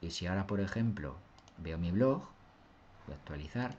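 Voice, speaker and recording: Male teacher, low voice, patient step-by-step explainer on a dull lo-fi mic. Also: animated, normal speed, a little mellow, a little hiss or hum. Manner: patient, step-by-step, often asks "¿lo veis?". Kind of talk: screen-recorded software tutorial.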